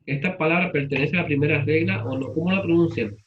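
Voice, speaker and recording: A man's voice: on the high side, quick pace, crowd noise. Male teacher, classroom lesson, patient, asks and repeats, muffled lo-fi recording. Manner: patient, repeats answers back and asks questions. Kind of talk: classroom lesson with questions to students.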